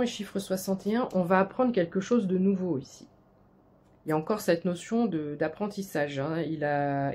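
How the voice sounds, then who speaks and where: Her voice low and darkish in tone, a woman reads tarot for the viewer in a close, comforting way. She tends to trip over words and say them again as she goes.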